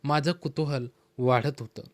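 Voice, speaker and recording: Calm male storyteller, dry close sound. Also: medium pitch, a little slow, dry recording. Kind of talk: scripted first-person story narration.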